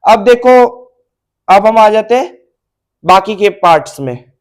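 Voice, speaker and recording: A man's voice: sits high, animated, slow pace. A male biology teacher lecturing at a board, mixing Hindi and English, repeating key terms and checking that students follow.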